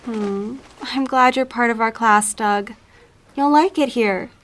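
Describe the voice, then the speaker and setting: A woman reading the part of a kind, patient schoolteacher in a comedy table read, gentle and encouraging. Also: on the high side, takes it slowly. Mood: soothing.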